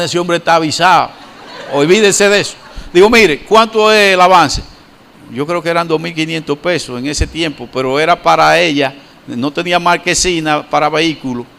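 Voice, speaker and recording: A middle-aged man, preaching a sermon and telling a personal story in an animated way. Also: on the high side. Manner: animated storytelling, voices the characters in his anecdote and laughs as he tells it. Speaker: pastor.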